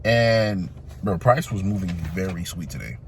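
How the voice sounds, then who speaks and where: A man's voice: deep voice, animated, normal speed, a little hiss or hum. Young man vlogging casually from a car. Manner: slangy, talks to viewers as "bro" and "y'all"; rambling with many restarts. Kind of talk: casual vlog monologue. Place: car, on the road.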